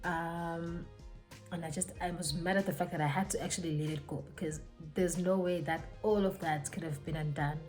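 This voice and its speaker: A young South African woman telling a storytime in a casual, animated way. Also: lowish voice, moderate pace, soft background music. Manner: animated, code-switching, dramatic retelling. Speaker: vlogger. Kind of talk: casual storytime while getting ready.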